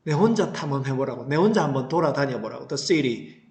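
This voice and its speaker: In a roomy, echoing recording, a man teaches an English reading lesson, explaining it line by line. His medium-pitched, slightly dark voice moves a little fast with lively intonation, and his didactic style has him putting rhetorical questions to students and answering them himself.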